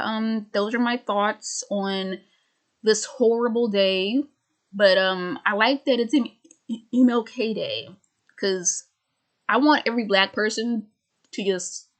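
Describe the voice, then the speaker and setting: A woman of twenty-five ranting casually to camera, rambling and sardonic, with many restarts and stammers. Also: medium pitch. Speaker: vlogger.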